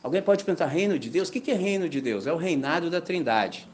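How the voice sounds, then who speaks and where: A man with a Brazilian Portuguese accent preaching a sermon in a colloquial, animated storytelling way, full of slang. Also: a little high, quick pace, slight background noise.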